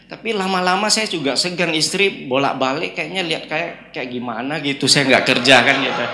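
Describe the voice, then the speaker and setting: A man giving a personal faith testimony as a guest, telling his story lively and shifting between hushed and loud moments. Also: medium pitch, roomy sound, a little hiss or hum.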